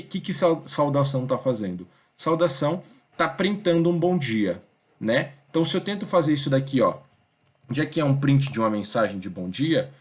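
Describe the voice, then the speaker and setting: Man teaching code casually. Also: mid-range voice. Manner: conversational, thinks aloud, many fillers like "beleza?" and "ó". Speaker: programming teacher. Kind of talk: casual screen-recorded coding lesson.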